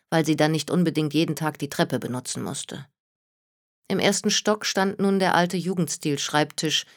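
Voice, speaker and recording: Calm audiobook narrator, dry sound. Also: medium pitch, dry recording. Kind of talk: scripted narration.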